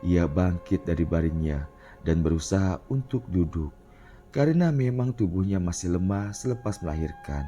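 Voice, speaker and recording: A man narrating a dark village story with deep, mellow tones and a lively, rising-and-falling delivery. Faint music plays softly beneath his voice. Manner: expressive, dramatic. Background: faint background music.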